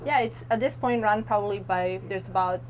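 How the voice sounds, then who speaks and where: A woman's voice: mid-range voice, fairly quick, a little hiss or hum, rough recording. A young woman from Serbia, chatting as a guest in a casual interview, with lots of fillers and laughter. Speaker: guest, website editor. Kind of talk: casual chat.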